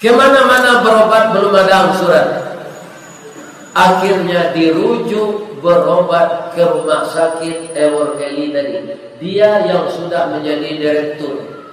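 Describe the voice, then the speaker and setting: A man, a preacher from West Sumatra, telling a moral story in a folksy sermon, joking with his congregation and softening for quoted prayers. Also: a little high. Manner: slow, folksy, jokes with the congregation, soft emotional quoted prayers. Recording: echoey hall, far from mic, faint noise.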